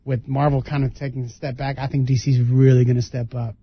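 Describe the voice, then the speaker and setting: A man co-hosting a casual movie review chat, talking excitedly with many fillers as he retells scenes. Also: mid-range voice, brisk, husky, no room sound. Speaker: podcast co-host. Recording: dry, slightly dull sound.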